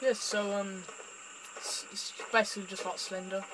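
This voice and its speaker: A man's voice: high-pitched, level tone, moderate pace, noisy background. A man giving casual, hesitant commentary while playing a video game, with lots of fillers. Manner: hesitant, filler-heavy talk. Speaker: gamer.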